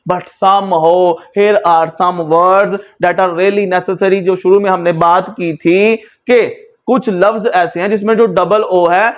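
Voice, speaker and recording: Male teacher, high voice, unhurried explanations. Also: level tone, lo-fi sound. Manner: slow, explanatory, switching between Hindi-Urdu and English. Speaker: English pronunciation teacher. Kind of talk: explaining rules in a lesson.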